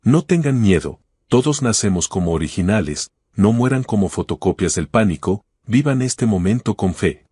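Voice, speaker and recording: A man voicing a calm, cheerful teenage boy who reassures scared passengers. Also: lowish voice, moderate pace, hardly any pauses, husky, no room sound, clean studio sound. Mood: earnest. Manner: upbeat, reassuring call to stay calm.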